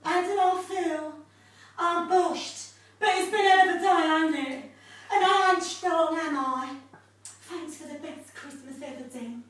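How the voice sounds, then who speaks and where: A tipsy Cockney pub landlady with a bright, high, swinging voice, as a woman puts her on. She plays it as broad soap-opera melodrama. The sound is distant and echoes around a home room. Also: a little slow. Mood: brassy, tipsy. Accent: Cockney, put on. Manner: theatrical soap-opera delivery. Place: home living room with audience. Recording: echoey room, mic far off.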